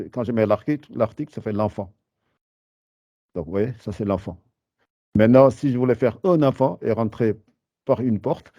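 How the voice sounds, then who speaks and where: A man with a lowish, mellow voice teaches a beginner's lesson, patiently and haltingly, often pausing on fillers and restarting his words. The recording sounds dry and somewhat dull, a lo-fi capture without room echo. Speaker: Arabic teacher.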